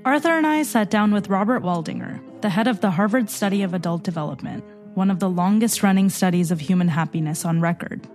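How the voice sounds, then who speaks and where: A woman's voice: medium pitch, a little fast, darkish tone, faint music behind. A woman in her twenties, a podcast producer and co-host, asking curious questions and reading introductions. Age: 20s. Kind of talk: interviewing and scripted introduction.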